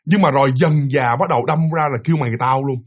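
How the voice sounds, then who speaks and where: Fast-talking southern Vietnamese storyteller man. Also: medium pitch, husky. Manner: chatty, addresses listeners directly. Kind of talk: casual spoken ghost story.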